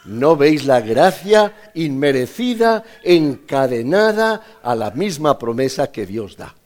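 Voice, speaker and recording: Male preacher, emphatic delivery with wide swings in pitch, slow and deliberate. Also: big pitch swings, a little mellow. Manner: emphatic, rising to exclamations. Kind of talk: sermon.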